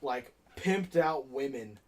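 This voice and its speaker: A man's voice: mid-range voice, lively intonation, takes it slowly, a little mellow. A man co-hosting a casual podcast, brash and profane as he chats with friends. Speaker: podcast co-host. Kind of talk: casual chat.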